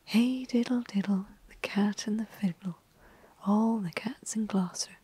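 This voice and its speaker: A woman's voice: mid-range voice, unhurried, warm tone, breathy edge, dry recording. A woman voicing a hungry, vexed male tomcat in a whispered storybook reading. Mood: wistful.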